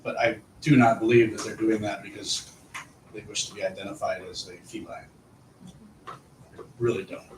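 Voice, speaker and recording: A school administrator reports to a board at a public meeting, informally explaining things and often repeating his phrases. His voice is on the low side, flat, at normal speed with frequent pauses. A distant mic in the echoey indoor meeting room picks up faint noise.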